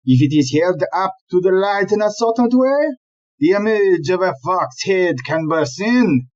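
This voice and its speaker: In a slightly dull recording of an audio play, a woman acts the role of a male police chief inspector, a smooth-talking, dismissive philanderer. She speaks slowly in a lowish, darkish register, expressive yet composed.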